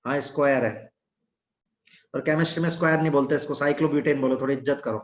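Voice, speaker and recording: A man's voice: medium pitch, fairly even intonation, fast talker. A man teaching chemistry in an online class from his room, in a blunt, teasing manner. His voice echoes as if in a cave. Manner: blunt, teasing, scolds students. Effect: echoing voice, like in a cave. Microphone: no earphones, device mic.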